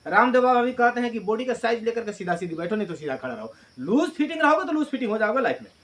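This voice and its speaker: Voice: medium pitch, sing-song, quick pace. A teacher explaining a poem to a class, repeating key lines, asking the students questions and answering them, and reading the English lines aloud. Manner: mixes Hindi with read-out English lines.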